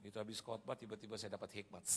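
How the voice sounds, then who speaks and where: A middle-aged male pastor, preaching as an animated storyteller who acts out the people in his anecdotes. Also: on the low side, very fast, vocal fry. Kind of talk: humorous sermon storytelling. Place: large church hall. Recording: church hall reverb, faint background noise.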